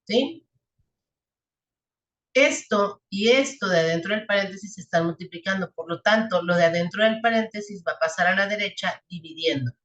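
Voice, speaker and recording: A woman's voice: mid-range voice, normal speed, a bit bright, highs cut off. A woman teacher, walking a class through equations and physics step by step and checking in often with short questions. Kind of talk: classroom math and physics lesson. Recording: echoey room.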